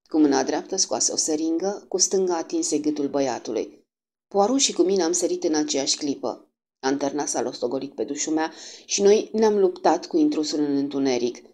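A woman narrating an audiobook in a steady, measured storytelling manner. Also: low voice.

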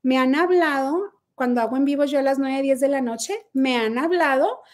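A middle-aged woman with a Mexican accent talks high and brash on a phone livestream. She is profane and mocking, chatting casually with her viewers. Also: moderate pace. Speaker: livestream host.

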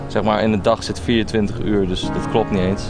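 A man's voice: lowish voice, little pitch movement, a little fast. A young man with a Dutch accent, speaking dryly and hesitantly. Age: young adult. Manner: dry, hesitant. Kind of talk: casual interview looking back. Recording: music playing underneath.

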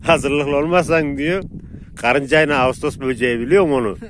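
A man casually talking to viewers while herding sheep with his dogs outdoors, laughing often and calmly calming the dogs. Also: on the high side, a little fast. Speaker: shepherd vlogger. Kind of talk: casual outdoor vlog narration. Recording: outdoor noise, wind and animals.

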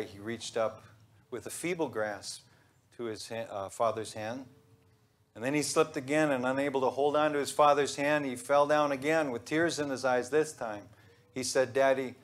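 A man in his thirties, a pastor giving a conversational, joking sermon in a church sanctuary. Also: mid-range voice. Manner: conversational and joking, with pauses and restarts.

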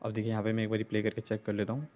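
Speaking very fast in a lowish, darkish voice with completely flat delivery, this young man narrates a casual step-by-step video editing tutorial. He records it as a voice-over on a screen recording and keeps dropping in check-ins and fillers.

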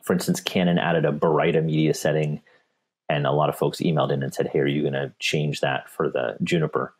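A man's voice: very deep voice, level tone, fairly quick, husky. A man, a technical specialist, answering viewer questions in a webinar, with frequent repeats and restarts. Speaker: paper company technical specialist.

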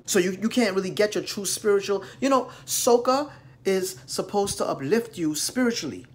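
A high-pitched American man in his thirties, a dance vlogger, lectures and rants directly to the viewer at a moderate pace with lively intonation. He records in a small room on a phone camera held at arm's length, speaking emphatically.

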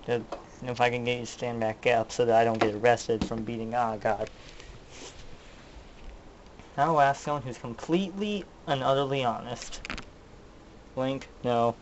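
A man's voice: mid-range voice, measured pace, pauses often, slight background noise. A man hosting his own channel, acting out a melodramatic mock-detective comedy skit in which he questions his toys. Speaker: channel host.

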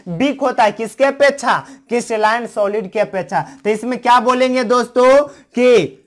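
A chemistry teacher talks through a lesson in a repetitive question-and-answer rhythm. Each point is posed as a question to the class and then answered. Understanding is checked again and again, and key terms are restated a second time. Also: mid-range voice. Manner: repetitive, explains terms twice in two languages. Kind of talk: classroom lecture.

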